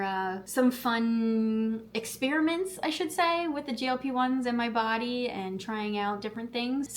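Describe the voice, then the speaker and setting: Chatty woman vlogging, lots of "like". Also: medium pitch. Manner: chatty, lots of "like" fillers, quick asides; laughs at herself often. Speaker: health vlogger. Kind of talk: casual vlog chat to camera.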